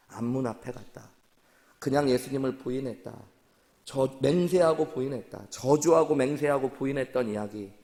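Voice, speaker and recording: A man's voice: mid-range voice, creaky, darkish tone. A man preaching a sermon as pastor, asking his congregation questions and repeating their answers back. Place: church sanctuary. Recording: long church hall reverb.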